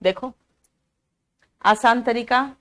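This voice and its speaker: A woman's voice: fairly high pitch, extremely slow, fairly bright tone. A woman teaching an online exam-prep class, chatty and drowsy from cold medicine, mixing English words into her talk and answering students by name. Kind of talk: live online class, explaining an English comprehension passage.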